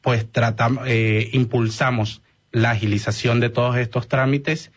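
A man in his thirties with a Venezuelan accent, a doctor speaking as a guest on a radio interview in a measured way with many hesitations. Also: mid-range voice, fairly even intonation, husky. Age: 30s.

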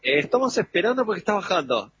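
A man with an Argentine accent, from Concordia in Entre Ríos, talking lively as a football fan in a casual street interview. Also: high-pitched, quick pace. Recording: dull lo-fi radio with loud background noise.

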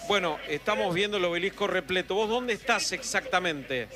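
A man's voice: sits high, moderate pace, over music. A man hosting a live radio broadcast, talking conversationally to a reporter in the field. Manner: conversational, addresses reporter by name. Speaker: studio radio host.

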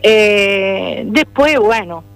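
Slow, hesitant Italian woman. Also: medium pitch, expressive, dry recording. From Italy, Rome. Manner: hesitant, searching for words with many fillers. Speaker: playwright and poet guest. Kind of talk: radio interview.

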